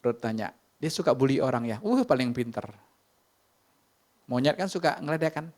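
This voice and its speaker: A man with an Indonesian accent preaching a sermon from a church stage, moving between lively emphasis and hushed whispers. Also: mid-range voice, normal speed. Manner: animated preaching, drops to whispers. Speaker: pastor. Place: church sanctuary.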